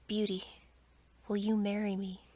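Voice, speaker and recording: A woman voicing a gentle, lovelorn male beast from a storybook, slowly and earnestly, in a soft, breathy half-whisper. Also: medium pitch, level tone, natural voice. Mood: earnest pleading. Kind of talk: whispered storybook character reading.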